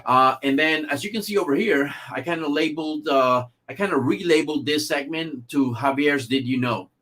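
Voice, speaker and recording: A man's voice: a little high, moderate pace, pushed and bright. A man hosting a casual livestream about theme park news, talking loosely with many fillers and restarts. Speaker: livestream host.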